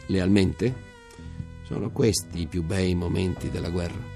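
A man voicing a gravelly, fretful old army major. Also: sits low, fairly even intonation, a little slow, warm tone, soft background music. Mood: confiding. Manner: fretful questions, later earnest confiding. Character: anxious fiftyish army major, nervous then relieved.

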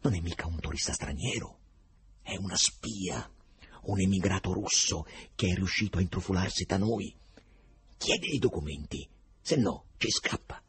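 A man voicing a hostile, suspicious young poet who speaks bluntly and in urgent hushed tones. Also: fairly low pitch, huge pitch swings, normal speed, husky, heavily acted.

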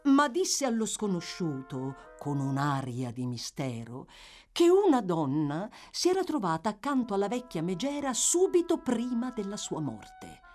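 A woman's voice: medium pitch, wildly swooping pitch, measured pace, a little mellow, faint music behind. A woman narrating a classic novel as an audiobook, in a dramatic, theatrical storytelling way. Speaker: audiobook reader. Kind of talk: expressive literary audiobook narration.

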